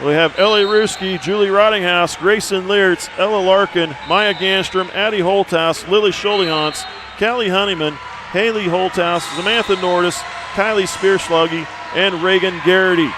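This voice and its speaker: A man's voice: sits high, fairly even intonation, moderate pace, noisy background. A man giving live volleyball commentary as a play-by-play announcer. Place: indoor sports arena, courtside. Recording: loud gym crowd and music behind. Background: crowd, music, bouncing balls.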